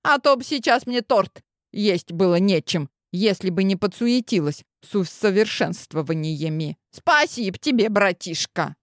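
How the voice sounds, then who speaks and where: A woman's voice: medium pitch, expressive, measured pace, no room sound, clean studio sound, lightly acted. A woman voicing a cheeky young woman in a monster costume, with a complaining, mischievous tone.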